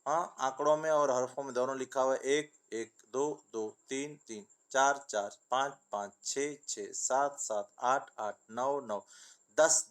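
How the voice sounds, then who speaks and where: A man's voice: medium pitch, fairly bright tone. Male teacher tinged speech, patient, sing-song, calls pupils "beta". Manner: addresses pupils as beta, asks and answers own questions. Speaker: Urdu teacher. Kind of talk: children's reading lesson.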